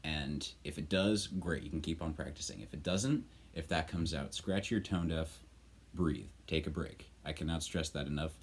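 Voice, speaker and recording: Low-voiced man giving a casual tutorial. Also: moderate pace, slightly rough. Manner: informal, rambling, emphatic with occasional swearing. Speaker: vocal coach, screamer.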